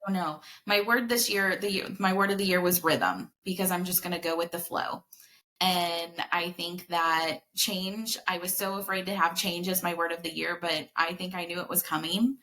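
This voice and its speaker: Bright-voiced woman in her forties. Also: on the low side, steady tone, moderate pace. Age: 40s. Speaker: podcast guest, senior care advocate. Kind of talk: casual chat.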